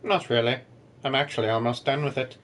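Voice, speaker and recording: A man's voice: mid-range voice, fairly even intonation, fairly quick, fairly bright tone, lightly acted. A man doing a snobby bookish boy bird. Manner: aloof, bored, condescending.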